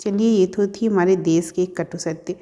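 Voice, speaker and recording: A woman's voice: fairly low pitch, a little slow, warm tone, big-room sound. A woman telling a family story in scripted narration, speaking to her listeners as friends. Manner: reads all characters in her own voice, addresses listeners as friends.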